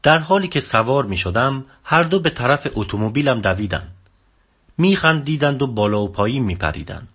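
A man reading a first-person story aloud as an audiobook narrator, in calm, measured scripted narration. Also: mid-range voice, husky.

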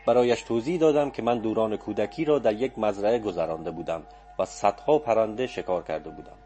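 A man reading a literary story aloud as an audiobook narrator, in a calm, reflective manner. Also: lowish voice. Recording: faint background music.

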